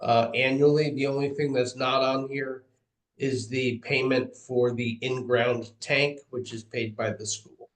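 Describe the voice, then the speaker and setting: A man's voice: mid-range voice, steady tone, a little slow. A man speaking as an official in a meeting, explaining budget items, recorded with roomy echo. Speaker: town official answering budget questions. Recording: echoey, roomy meeting audio.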